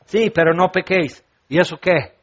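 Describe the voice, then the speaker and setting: Middle-aged man preaching, high-pitched voice, lively and theatrical, slightly muffled recording. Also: moderate pace. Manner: animated, acts out scenes with shouts and laughs. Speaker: pastor. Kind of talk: sermon.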